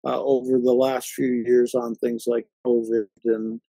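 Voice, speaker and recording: A man hosting a conversational interview, talking haltingly with many fillers and restarts. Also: mid-range voice, level tone, dark tone, slightly rough, no echo, low-quality recording. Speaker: interview host.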